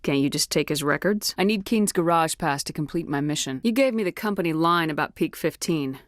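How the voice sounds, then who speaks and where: An actress playing a tough, no-nonsense military space commander in a video game, with a clipped, assertive, businesslike delivery. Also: female voice, deep voice, fairly quick, no room sound, studio quality, natural voice. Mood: businesslike, inquisitive. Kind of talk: video game dialogue acting.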